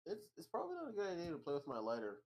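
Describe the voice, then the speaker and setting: A man's voice: a little high, huge pitch swings, darkish tone. Profane joking male player. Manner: joking, quick profane banter. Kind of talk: casual tabletop chat.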